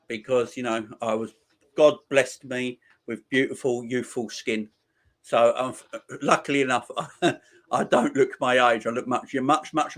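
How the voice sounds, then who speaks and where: A forty-year-old man hosting a football watchalong stream, chatting easily with his viewers. His talk is relaxed and slangy, and he laughs often between his lines. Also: mid-range voice. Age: 40s. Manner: laid-back banter, laughs often, slangy. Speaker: livestream host. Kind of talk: casual chat reading viewer comments.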